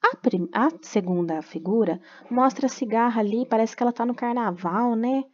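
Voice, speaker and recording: A woman's voice: a little high, moderate pace, dull audio. A woman from Brazil teaching a remote class, patiently explaining step by step and checking in with tag questions.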